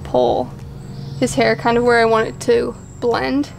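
Out on a deck, a young female vlogger chats about giving her husband haircuts at home, now and then laughing at herself. She speaks a little slowly in a slightly high, gravelly voice with a level tone.

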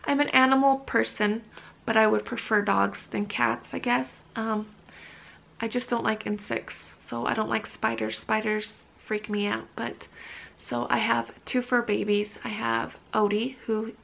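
A woman in her thirties talks casually to camera from her living room sofa, rambling with frequent restarts and ums. Her voice sits a little high and carries a heavy gravelly fry. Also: fairly bright tone, rough recording. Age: 30s. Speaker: vlogger.

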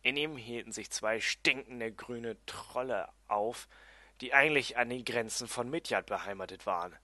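A man's voice: mid-range voice, normal speed, pushed and bright, no room sound. A man reading his own first-person fantasy story as an audiobook, with uneven delivery and some restarts. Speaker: amateur audiobook reader.

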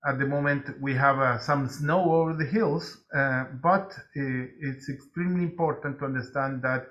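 A man with a Chilean Spanish accent, a native Spanish speaker, giving a conference presentation in English with frequent halting pauses. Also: mid-range voice, fairly bright tone, lo-fi sound. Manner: halting, many filler pauses.

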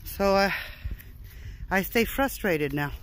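A man's voice: high-pitched, lively intonation, a bit bright, poor audio. A man vlogging outdoors on a short walk, talking in a weary, frustrated way with sighs and swearing. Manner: weary, frustrated, sighing, profane, drawn-out phrases. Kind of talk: casual vlog talk.

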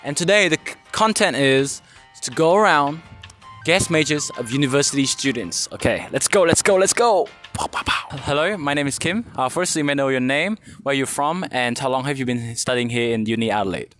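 A man hosting a casual street-interview vlog on a university campus, upbeat and quick to react with surprise. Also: medium pitch, animated, fairly bright tone, faint music behind. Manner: upbeat, easily impressed, many short reactions. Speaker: vlog host interviewing students. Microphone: handheld phone held out to the guest.

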